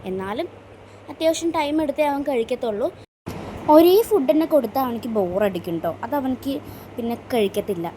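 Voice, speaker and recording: A woman's voice: on the high side, a little mellow, slight background noise. A young woman with a Keralan accent, narrating her family vlog in a chatty way, dotted with little tag words. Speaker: vlogger and mother.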